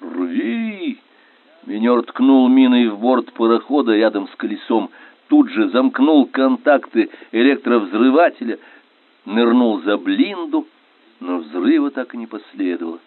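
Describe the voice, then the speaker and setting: A man's voice: mid-range voice, normal speed, no echo. A male narrator reads a dramatic audiobook in a mid-range voice. The recording is narrow and tinny, like a phone line, with no room sound. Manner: dramatic reading.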